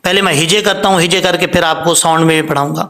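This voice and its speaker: A man teaching Quran recitation, patiently spelling out syllables slowly and chanting the verses. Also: fairly high pitch, fairly even intonation, sharp tone. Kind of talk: tajweed lesson, spelling out and reciting words slowly.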